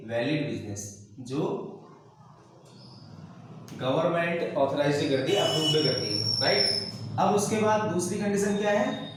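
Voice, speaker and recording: A man teaching a commerce lesson, repeating key terms and checking in with "okay" and "right" after each point. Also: a little high. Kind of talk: classroom lecture. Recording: very echoey room.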